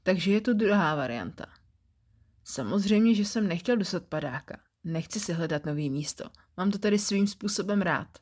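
A woman reading a first-person short story aloud for a podcast in a calm, even storytelling manner. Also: fairly low pitch, breathy edge.

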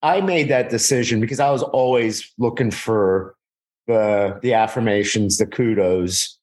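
A man's voice: lowish voice, a little slow, a little mellow. A man in his forties, a podcast guest, talking casually with lots of restarts and repeated words. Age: 40s. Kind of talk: casual conversation.

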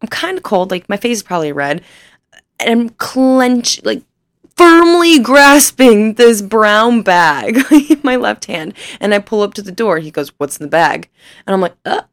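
A woman's voice: mid-range voice, big pitch swings, a little slow, no echo. A young woman in her twenties telling a rambling, self-deprecating story in casual chat, laughing often and swearing freely.

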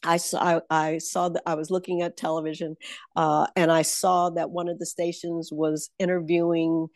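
In a conversational interview, a woman who works as a political consultant tells stories with confident emphasis and easy laughter. Her voice is lowish and darkish with a flat delivery at a moderate pace, recorded at studio quality with no room sound.

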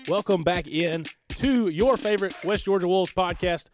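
A man's voice: high voice, moderate pace, soft background music. A man hosting a casual sports podcast in a studio, upbeat and chatty with easy laughs. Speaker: podcast host.

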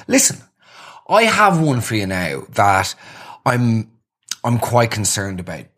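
A man hosting his podcast, telling a rambling, self-deprecating story in a casual solo talk. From Ireland. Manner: rambling, self-deprecating storytelling with sudden animated jumps in pitch. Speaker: podcast host.

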